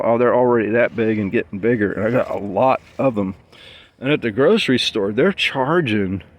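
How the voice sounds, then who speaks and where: Easygoing middle-aged man rambling in his garden. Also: lowish voice. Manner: rambling, easygoing, thinks aloud. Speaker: home gardener giving a garden tour. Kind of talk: casual walk-and-talk. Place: backyard garden outdoors.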